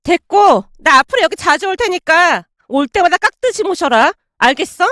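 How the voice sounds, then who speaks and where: A woman's voice: very high-pitched, animated, normal speed, fairly bright tone, no room sound, studio quality, pitched above the performer's own voice. A woman voicing an arrogant, spoiled young woman who mocks and bosses an old classmate in a storybook drama. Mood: sneering. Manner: mocking, condescending, bossy.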